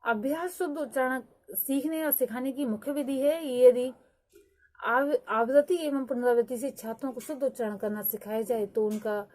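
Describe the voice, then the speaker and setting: Woman teacher, fairly high voice, steady point-by-point lecture. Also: moderate pace. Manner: explains point by point, mixing English terms.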